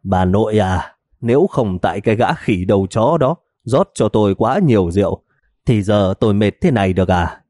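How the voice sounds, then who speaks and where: A tipsy, stubborn middle-aged village husband, played by a male narrator, grumbling gruffly in a dark, mellow voice. The reading is close and dry. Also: fairly low pitch, lively intonation, normal speed, dry recording.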